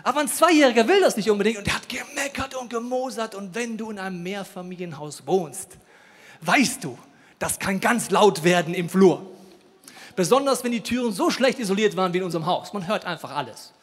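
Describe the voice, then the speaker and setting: High-voiced preacher in a reverberant hall. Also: male voice, a little fast. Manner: lively storytelling preacher, acts out voices. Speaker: pastor. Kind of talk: sermon. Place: church service.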